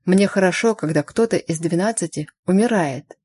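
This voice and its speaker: A woman's voice: lowish voice, moderate pace, a little mellow, husky, dry recording. A woman voicing a grim, wary male hunter who speaks in clipped commands. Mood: brooding.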